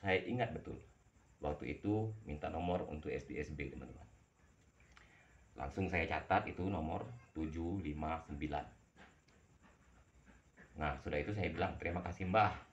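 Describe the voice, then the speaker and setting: A man's voice: extremely low pitch, normal speed, pauses often, dull audio, a little hiss or hum. A man telling a first-person horror story in a casual way, talking straight to his listeners as friends and often repeating words as he goes.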